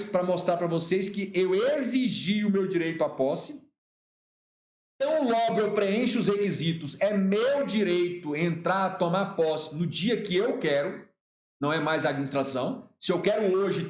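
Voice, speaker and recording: A man's voice: sits high, lively intonation, measured pace. A man with a Brazilian Portuguese accent, a law teacher, tells a personal anecdote in a colloquial way, acting out the dialogue and repeating words. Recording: roomy echo.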